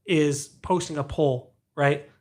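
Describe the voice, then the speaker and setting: A man hosting a casual podcast, animated and telling stories with acted-out dialogue. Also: on the high side, slow. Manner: animated storyteller who acts out quoted dialogue. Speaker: podcast host.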